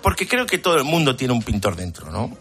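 A man, a painter chatting as an interview guest and telling lively anecdotes. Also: mid-range voice, brisk, slightly rough, faint music behind. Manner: animated, laughing anecdotes. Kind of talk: casual interview storytelling.

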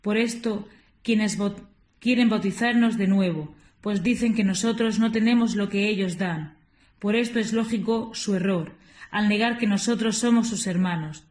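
A woman reading scripture and prayers aloud for a morning liturgy, in a measured, steady way with small slips now and then. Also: medium pitch. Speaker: liturgical reader.

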